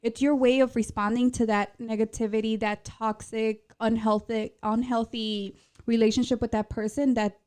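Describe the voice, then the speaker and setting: A woman's voice: a little high, little pitch movement, normal speed, a little mellow, clean tone. A woman around thirty co-hosting a casual podcast, speaking candidly and mixing Spanish phrases into her English. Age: 30s. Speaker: podcast co-host. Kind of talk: casual chat.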